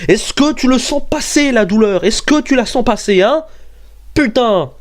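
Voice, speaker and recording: A young man hosting a comedic video rant, excitable and swearing, often arguing with himself. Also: measured pace. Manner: excitable, swearing, jumps into high-pitched outbursts and argues with himself. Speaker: YouTube weapons video host.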